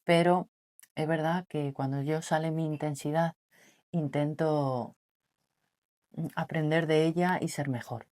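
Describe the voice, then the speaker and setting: A woman with a slightly husky, mature voice, talking softly and reflectively to camera and asking the listener rhetorical questions. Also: fairly even intonation, measured pace, pauses often. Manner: speaks softly and lowered on purpose, asks the listener rhetorical questions. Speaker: vlogger on relationships. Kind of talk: reflective personal talk to camera.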